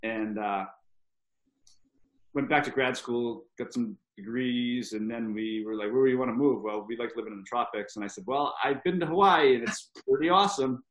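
A man in his thirties from Rhode Island, a podcast guest telling stories in a relaxed, rambling way. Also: mid-range voice, moderate pace. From Rhode Island, USA. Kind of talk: casual chat. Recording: roomy echoey sound.

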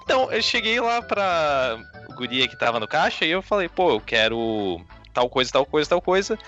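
Brazilian man, podcast co-host, animated self-mocking storyteller, slightly muffled sound with soft music. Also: a little high, normal speed. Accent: Brazilian Portuguese. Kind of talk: casual storytelling chat.

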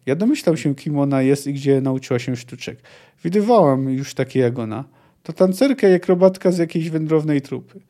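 A man's voice: a little high, lively intonation, fairly quick, dark tone, natural voice. A man reading a wry young woman outlaw.

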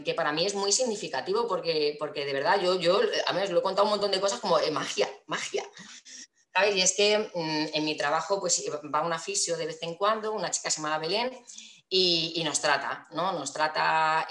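A woman tells a personal story to her viewers. Her voice sits low. She rambles with frequent restarts and fillers, and the room echoes noticeably around her. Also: a bit bright.

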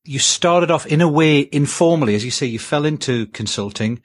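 A man's voice: on the high side, lively intonation, fairly quick. A man hosting a podcast, reading a guest introduction and asking questions in a conversational way. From United Kingdom. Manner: conversational, with frequent "um" and warm laughs. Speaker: podcast host. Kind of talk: casual interview.

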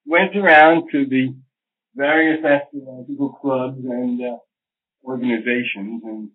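A man's voice: mid-range voice, slightly rough. Older man, astrologer guest, rambling scholarly answers, tinny phone line. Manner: digressive, scholarly, with many fillers. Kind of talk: reflective interview answers.

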